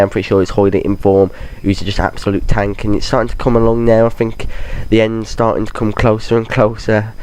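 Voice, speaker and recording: A man with a head cold rambles casually over game footage. His voice sits fairly low and stays level, with a smooth, clear tone. He keeps breaking off and restarting his sentences. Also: darkish tone. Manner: rambling, chatty football-fan talk with many restarts. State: has a cold. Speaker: gaming channel host.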